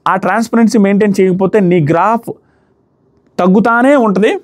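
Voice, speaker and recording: A man's voice: high voice, fairly quick. A man giving a casual, emphatic review of a reality show episode, retelling scenes in quoted lines.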